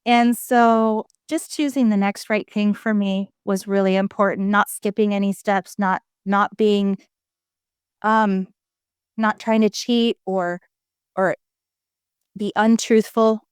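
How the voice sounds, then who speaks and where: A woman guest in an interview, sharing her personal story in a candid, animated, emphatic way with frequent conversational fillers. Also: takes it slowly, clean tone, no echo, studio quality. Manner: animated and emphatic, with big pitch swings.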